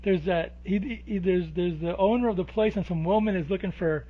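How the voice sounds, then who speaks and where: A man's voice: high voice, brisk. A man in his sixties co-hosting a podcast, chatting casually about an old movie and breaking in with side comments. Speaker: podcast co-host. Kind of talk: casual film discussion. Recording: dull lo-fi podcast audio.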